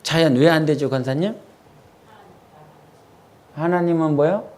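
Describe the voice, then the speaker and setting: A man's voice: on the high side, darkish tone. Male pastor preaching conversationally. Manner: conversational preaching, quizzing the congregation with quick questions. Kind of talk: sermon at a midweek church service. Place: church sanctuary.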